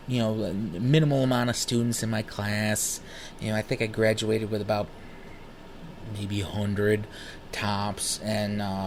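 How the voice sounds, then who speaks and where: A man in his thirties, smoking while he talks, telling rambling personal stories in a casual, animated way and swearing freely. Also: fairly low pitch, a little hiss or hum. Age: 30s. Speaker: vlogger.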